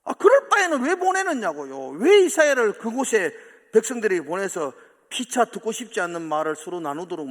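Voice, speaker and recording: Animated pastor preaching in a reverberant hall. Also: male voice, fairly high pitch. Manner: animated, acts out quoted voices with big swings of loudness. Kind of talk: sermon. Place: church sanctuary. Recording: long church hall reverb.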